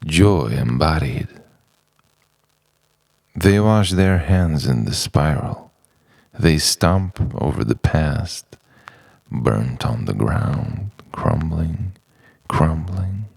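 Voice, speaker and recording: Slow and halting, an extremely low-voiced man reads a poetic letter to himself as an introspective spoken-word piece, pausing dramatically between thoughts. His gravelly, slightly mellow voice has lively intonation that ranges widely in pitch and sometimes sinks toward a whisper, on a dry recording.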